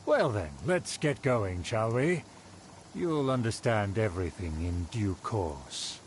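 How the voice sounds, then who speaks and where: A man's voice: lowish voice, lively intonation, slow, slight background noise. A pompous snobbish nobleman. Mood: haughty. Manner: pompous, formal, condescending. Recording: game dialogue with music behind.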